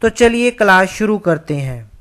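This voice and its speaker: A woman's voice: medium pitch, expressive, normal speed. A woman teaching an online English lesson, explaining carefully and spelling words out letter by letter.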